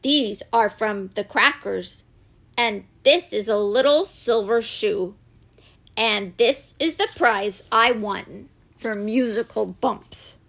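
A woman voicing a placid, polite male teddy bear in a children's story, speaking in a measured, gentle way. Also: a little high, vocal fry, exaggerated voice. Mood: quietly proud.

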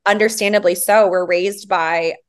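Woman in her thirties, podcast guest, lowish voice, animated chatty delivery, lots of fillers. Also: moderate pace, clear, resonant tone. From Hawaii, raised later in Arizona. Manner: chatty and animated, frequent "like" fillers, laughs often. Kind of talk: casual conversational interview.

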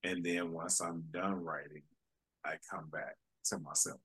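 A man with a very low, husky voice that still has a bright, forceful edge. He talks earnestly and with enthusiasm in a casual conversation. The recording is dry, with no room echo. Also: fairly even intonation, unhurried. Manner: earnest and enthusiastic, with short affirmations.

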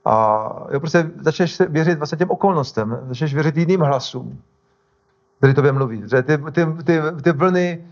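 A man's voice: a little high, dull audio. A male pastor preaching a sermon in a conversational way, often stopping to restart and correct himself.

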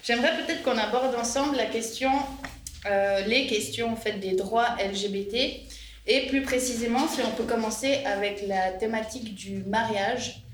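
A woman's voice: on the high side, moderate pace, a little hiss or hum. A woman hosting and moderating a podcast roundtable, speaking hesitantly with many fillers. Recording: roomy, distant mic, music behind.

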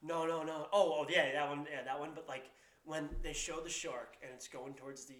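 Bright-voiced young man, animated storytelling. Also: on the high side, fairly quick. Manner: animated storyteller, acts out scenes in loud bursts. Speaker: podcast co-host. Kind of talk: casual chat.

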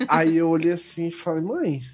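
A young Brazilian man tells an anecdote among friends, talking fast with a husky, breathy edge. His pitch leaps around as he acts out his relatives. Faint music sits under the recording. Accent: Brazilian Portuguese. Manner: animated, laughing, swearing, imitating relatives. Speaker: podcast guest telling a story. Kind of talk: casual group chat, storytelling.

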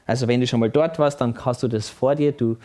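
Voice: mid-range voice, fairly even intonation, fast, mellow. A Bible teacher, giving an emphatic teaching talk and often checking with the listener.

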